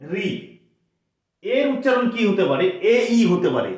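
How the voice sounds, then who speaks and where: A man teaching pronunciation, slow and patient, repeating each sound several times. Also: high-pitched, sing-song. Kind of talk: spoken language lesson. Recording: very echoey room.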